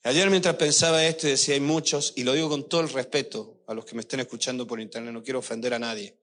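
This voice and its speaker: An older man delivers a fast sermon as a pastor in a mid-range, slightly bright voice with fairly even intonation, emotionally telling personal stories and talking directly to the congregation.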